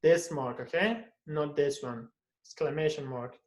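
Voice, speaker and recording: In a reverberant recording, a man with a slightly high, darkish voice teaches a live English class online from his home at night, speaking at a measured pace. He acts out each interjection and tacks "okay?" onto nearly every phrase.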